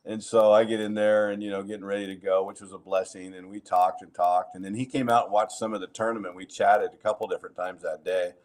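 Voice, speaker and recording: A man hosting a talk show, telling a long anecdote in a rambling, animated way with many fillers. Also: fairly low pitch, fast talker, hardly any pauses. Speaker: host. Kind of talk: casual chat, anecdotal storytelling.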